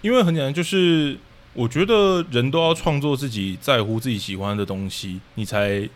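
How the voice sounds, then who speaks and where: A man with a Taiwanese accent, the leader of an audio drama troupe, appears as a podcast guest and casually walks through his creative work step by step. He speaks in a mid-range voice at a moderate pace, in relaxed, explanatory interview talk.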